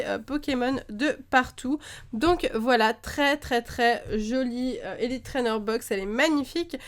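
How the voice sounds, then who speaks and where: A young woman chatting enthusiastically to camera as she unboxes trading cards, with many fillers along the way. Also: high-pitched. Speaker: YouTuber opening trading cards. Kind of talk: casual unboxing chat. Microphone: camera mic, face to camera.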